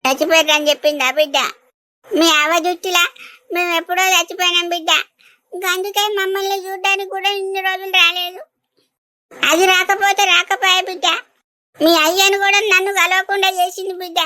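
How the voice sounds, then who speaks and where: A weepy, doting old village grandmother, put on by a woman, squeaky-high and brassy bright. She coos and fusses endlessly over her grandchild. The sound is dry and close in this cartoon dub. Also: flat delivery, brisk, no room sound. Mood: bitter. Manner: coaxing, clucks endearments over and over. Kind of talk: animated village comedy dub.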